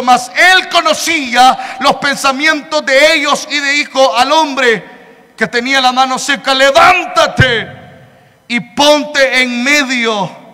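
Preacher guy, really high bright voice, yells then drops quiet, keeps saying hermano. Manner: swings between loud shouting and quiet, intimate asides; addresses listeners as "hermano" again and again. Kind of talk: sermon. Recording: long hall reverb.

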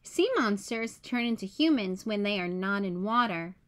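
In a mid-range voice and at a moderate pace, a woman reads a picture book aloud to children. Her storytelling is clear, simple and expressive.

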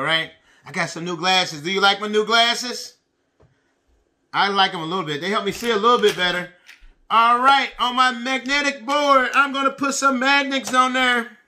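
High, bright-voiced man teaching small children. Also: moderate pace, slight background noise. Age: middle-aged. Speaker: preschool and kindergarten teacher. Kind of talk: children's lesson addressed to young pupils. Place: small indoor room with bookshelves.

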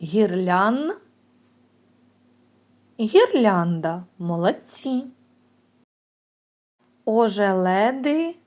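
Woman teacher, preschool lesson, lively pitch, unhurried, clearly sounded words. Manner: slow, clear, drawn-out sounds for children. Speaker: kindergarten teacher.

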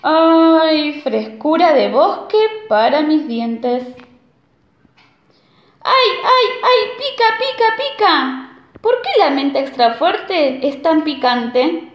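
A woman's voice: sits high, lively intonation, takes it slowly, voice pushed up. A woman voicing a vain, fussy male wolf from a children's story, showy and pleased with himself, recorded in an echoey room.

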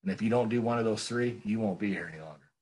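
Middle-aged man, recovery speaker; low, husky, earnest, plainspoken, repeats for emphasis. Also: quick pace, darkish tone. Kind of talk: speaker-meeting share.

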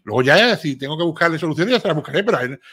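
A man's voice: on the high side, rapid-fire, breathy edge. A man from Seville with an Andalusian accent, talking through a true-crime series on a casual live stream and acting out quoted dialogue. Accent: Andalusian Spanish. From Seville, Spain. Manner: animated, acts out quoted dialogue, swears casually.

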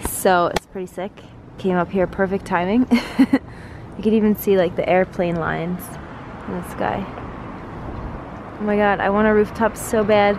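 A woman's voice: medium pitch, noisy background. A young woman vlogging casually into a handheld camera, chatty and talking to her pets. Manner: chatty, talks sweetly to her cats. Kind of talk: casual vlog chat. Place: home kitchen and rooftop. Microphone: handheld camera at arm's length.

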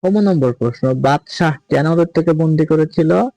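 A man explains a classroom lesson, pausing to repeat each word slowly so pupils can copy it. His voice sits a little high yet sounds mellow and relaxed. The recording is dry and close, with no room echo. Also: gravelly. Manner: slow, careful pronunciation drills, repeating words. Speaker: teacher. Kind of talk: reading and explaining a textbook lesson.

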